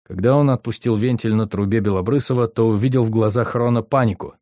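A man's voice: lowish voice, fairly even intonation, quick pace, darkish tone, no echo. Man narrating an audiobook, dry and close. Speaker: audiobook reader.

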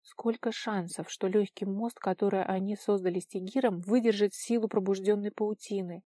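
A woman reading a fantasy story aloud, measured and expressive. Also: mid-range voice, no echo. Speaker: audiobook narrator. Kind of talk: scripted fantasy narration.

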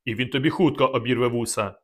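A hot-tempered old country squire who booms and scolds, done by a man reading aloud. His voice rises well above the narrator's and stays loud. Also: quick pace, lightly acted. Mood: scolding. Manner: booming, scolding.

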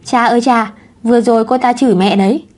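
A woman reading the part of a fearless little girl who speaks loudly and indignantly. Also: on the high side, steady tone, fast talker, natural voice. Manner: loud and indignant.

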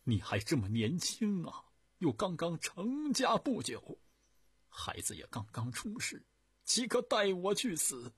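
A man's voice: low-pitched, very animated, measured pace, long pauses, a bit bright, breathy edge, no room sound, exaggerated voice. A man voicing an impassioned embattled commander. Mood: tearful, earnest. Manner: impassioned, raised declamation. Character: embattled male commander, proud, tearful, sharp-tempered.

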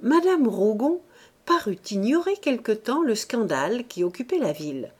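Woman narrator, audiobook reading, measured, expressive, animated intonation. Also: fairly high pitch, slightly rough. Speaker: audiobook reader. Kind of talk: scripted narration.

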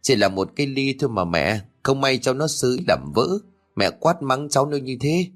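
A man's voice: mid-range voice, animated, moderate pace, natural voice. A man voicing a weary young mother who pleads and reasons, in an audio story. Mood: pleading.

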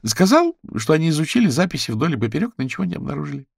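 Man doing Bitsy, a gushing high-voiced socialite. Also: big pitch swings, racing, vocal fry, breathy edge, dry recording, studio quality, heavily acted. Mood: gossipy. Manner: gushing, theatrical. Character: flamboyant chatty rich socialite woman.

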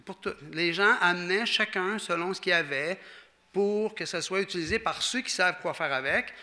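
A man with a Quebec French accent preaching a conversational, animated sermon and acting out the people he quotes. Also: high-pitched, moderate pace. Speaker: pastor.

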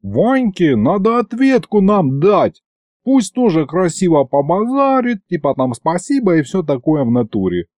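A man voicing a rough male henchman who talks in brash street slang. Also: high voice, sing-song, measured pace, a little mellow, no room sound, voice pushed up. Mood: eager.

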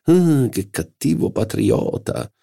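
A man's voice: lowish voice, unhurried, darkish tone, voice pushed up. A man voicing an effusive, impulsive older aristocrat in an audiobook. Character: flamboyant older aristocratic baron.

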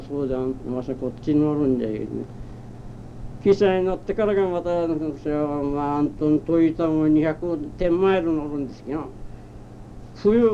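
An elderly man from Japan telling his life story as an oral history interviewee, in a rambling, halting way with old-fashioned rustic speech. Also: on the high side. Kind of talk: reminiscing in a personal narrative. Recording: muffled, dull old tape with faint hiss. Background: faint background noise.

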